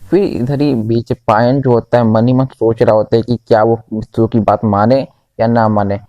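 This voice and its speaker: Male storyteller, loose casual retelling, dark tone, dry lo-fi home mic. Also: medium pitch, level tone, moderate pace, no room sound. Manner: conversational, loose, with restarts. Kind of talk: casual cartoon episode retelling. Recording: dull lo-fi dry recording.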